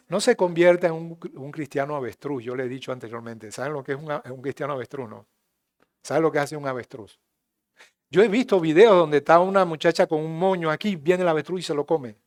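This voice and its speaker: Panamanian male pastor, slightly high voice, fiery sermon delivery with sudden loud peaks and soft asides. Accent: Panamanian Spanish. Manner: preaches with sudden loud emphatic rises and quiet asides. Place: church.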